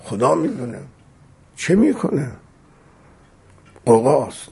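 A male preacher telling a sermon story with dramatic swings, his voice gravelly and rough with fry. It sounds husky and strained, and it leaps up high in the emotional moments. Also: very animated, dark tone. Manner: dramatic retelling with sudden high emotional outbursts.

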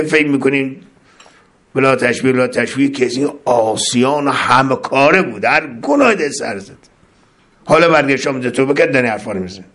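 A man preaching a sermon as a cleric, moving between loud emphatic rises and soft low passages and intoning Arabic prayers before explaining them. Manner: chants Arabic supplications then translates them.

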